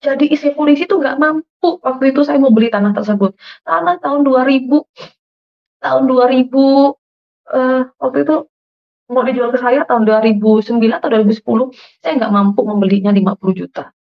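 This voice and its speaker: A woman's voice: high voice, a little fast, gravelly. A middle-aged woman from Madura giving an emotional personal faith testimony, often calling her listeners "saudara". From Madura, Indonesia. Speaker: testimony speaker. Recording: dull lo-fi recording.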